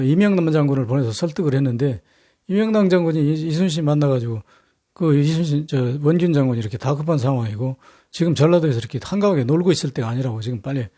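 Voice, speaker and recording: Male storyteller, casual and rambling, blunt coarse wording, warm tone. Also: mid-range voice, no echo, studio quality. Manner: rambling, many fillers and restarts, coarse slang. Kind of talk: casual history storytelling talk.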